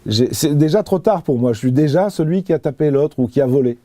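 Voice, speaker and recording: A man's voice: on the high side, lively intonation, fairly quick, mellow, no room sound. A man being interviewed, giving an earnest personal account with many hesitations and restarts. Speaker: interview guest.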